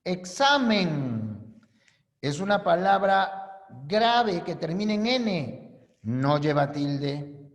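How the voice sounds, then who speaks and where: A male teacher delivers a recorded class lecture at an unhurried pace. His fairly high voice swings widely as he stresses and repeats each rule. The sound carries the long, echoey reverb of a large room. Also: sing-song. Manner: slow, emphatic, repeats key rules. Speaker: language teacher.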